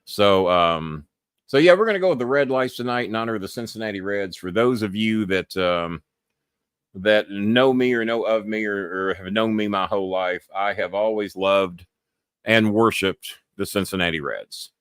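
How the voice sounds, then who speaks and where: A middle-aged American man with a lowish voice talks on his live show, loose and rambling, cursing bluntly as he drifts between topics. His voice is recorded up close in a dry, dead-sounding room. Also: moderate pace, fairly bright tone, clear, resonant tone, no echo. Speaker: podcast host. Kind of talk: casual live-stream monologue.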